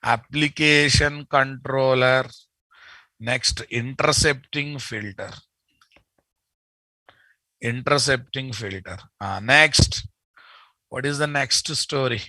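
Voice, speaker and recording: A man with a Telugu Indian accent leads a casual online class in a bright, forceful voice. He takes his time, repeating phrases for his learners. The sound is dry and close. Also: medium pitch, takes it slowly, pauses often, no echo, rough recording. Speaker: software instructor. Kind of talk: informal live online lesson. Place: indoor room, video call.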